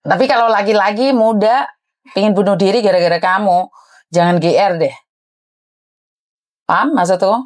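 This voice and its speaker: A woman's voice: mid-range voice, normal speed, long pauses. A woman hosting an advice show, giving frank, lecturing advice to a caller. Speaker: advice host. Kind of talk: advice chat.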